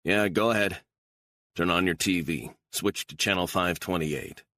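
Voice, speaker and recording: A man voicing a gruff intelligence officer who speaks bluntly and matter-of-factly. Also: low voice, a little slow, pushed and bright, no echo.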